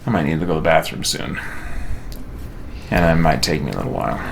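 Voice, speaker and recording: Speaking at an extremely low pitch, a middle-aged-sounding man chats casually while streaming a video game. He is animated, fast and creaky, with a jokey, self-deprecating manner and slight background noise.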